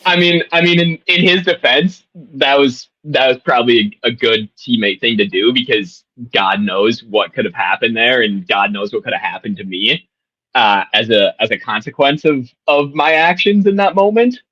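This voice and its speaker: Young man telling a story in a husky, bright voice. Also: mid-range voice, normal speed, no echo, muffled recording. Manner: animated, many fillers and restarts. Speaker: guest, former college tennis player. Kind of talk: casual storytelling.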